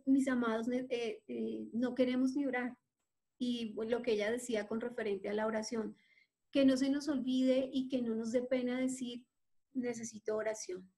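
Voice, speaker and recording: A woman preacher delivers an impassioned sermon in a high voice. She acts out the quotes she tells. Small hesitant fillers break up her flow. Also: a little mellow.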